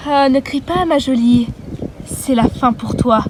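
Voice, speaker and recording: Young woman doing a mocking female killer for a homemade doll drama; high voice, slow, gloating delivery. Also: background noise.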